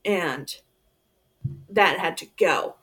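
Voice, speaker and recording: A woman's voice: fairly low pitch, extremely slow, a bit bright. A woman in her forties from the southern US, co-hosting a casual chat in an easygoing way and agreeing readily. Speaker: podcast co-host.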